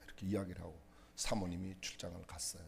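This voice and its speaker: A man's voice: sits low, level tone, fast, creaky, slight background noise. A middle-aged man preaching a humorous sermon in a church, teasing the congregation with jokes and questions. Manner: playful, teasing, asks the audience questions. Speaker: pastor. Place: church sanctuary.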